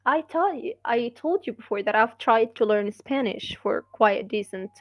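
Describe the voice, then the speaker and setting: A woman's voice: fairly high pitch, animated, normal speed, no echo, lo-fi sound. A woman from Gaza, an English speaker hosting a casual livestream, reading viewer comments with many fillers and frequent laughs. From Gaza, Palestine. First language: Arabic. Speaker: livestream host.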